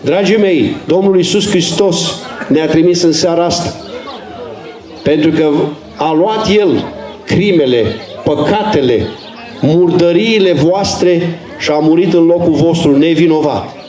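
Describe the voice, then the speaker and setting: A man's voice: on the high side, a little mellow, roomy sound, some chatter behind. A man preaching an open-air street sermon in an earnest, urgent, exhorting way.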